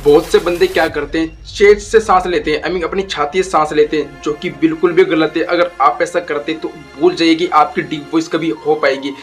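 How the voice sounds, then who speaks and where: A man's voice: fairly high pitch, steady tone, brisk, hardly any pauses. Young man giving voice tips, light music. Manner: instructive, repetitive, mixes English phrases. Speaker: voice coach YouTuber. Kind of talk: casual tutorial.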